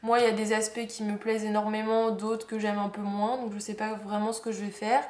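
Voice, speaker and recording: A young adult woman, a planner vlogger, chats casually through a planner unboxing in a medium-pitched, level, slightly mellow voice at a fairly quick pace. She delights in the cute details and says "hop" with each page she turns. The room sounds echoey, with faint noise.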